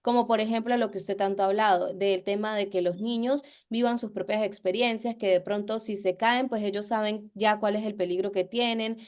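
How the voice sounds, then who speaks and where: A woman co-hosting a podcast discussion, reflective and measured as she explains her view at length. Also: mid-range voice, fairly even intonation, a little mellow. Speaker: podcast co-host.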